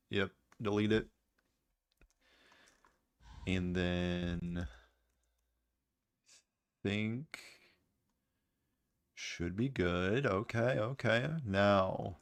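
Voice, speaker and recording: A man's voice: fairly low pitch, creaky, fairly bright tone. A man giving casual gameplay commentary as host, with a dry, wry, understated way of talking. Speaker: gaming video host.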